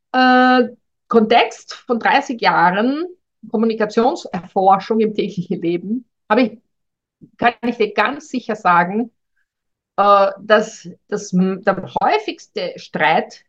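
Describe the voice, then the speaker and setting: A middle-aged woman speaking as a communication coach addresses the listener directly in a reflective advice monologue, thoughtful and hesitant in manner. Her mid-range voice is animated and her pace is measured. The recording sounds dull and lo-fi.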